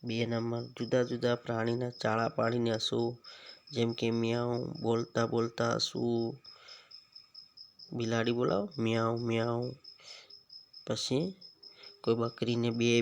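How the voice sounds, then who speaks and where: A man's voice: medium pitch, flat delivery, creaky, a little hiss or hum. A man with a Gujarati accent, a teacher reading a story to schoolchildren and stopping often to ask them questions. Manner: slow, explanatory, asks the children questions.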